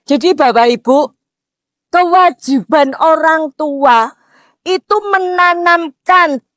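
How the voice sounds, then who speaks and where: A woman in her sixties with a Javanese accent preaching a mosque sermon, posing rhetorical questions and rising to emphatic near-shouts. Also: high voice, takes it slowly, no echo, studio quality. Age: 60s. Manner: slips Javanese words into talk.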